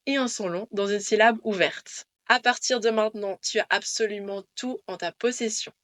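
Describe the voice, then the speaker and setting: A woman teaching Dutch pronunciation to camera, patiently repeating the rules in a clear way. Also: mid-range voice, moderate pace, a bit bright, no echo.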